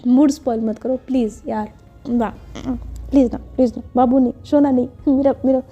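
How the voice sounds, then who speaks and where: A woman's voice: sits high, fairly even intonation, normal speed, dark tone, highs cut off, soft background music. A woman voicing a young woman in love who keeps pleading and whining for affection, read in a storytelling voice. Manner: wheedling, whiny, then sulky. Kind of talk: storytelling in character voice.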